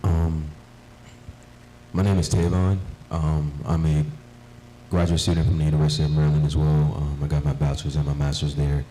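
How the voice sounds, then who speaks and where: A man's voice: a bass voice, little pitch movement, fairly quick, dark tone, a little hiss or hum, poor audio. A young man introducing himself on a panel, with many fillers and restarts. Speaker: panelist, community leader. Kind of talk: panel discussion.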